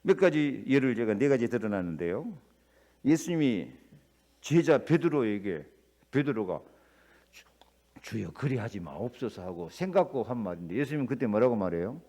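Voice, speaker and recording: A middle-aged male pastor preaching a sermon, asking the congregation questions and swinging between loud declamation and quiet asides. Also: medium pitch, very animated, moderate pace.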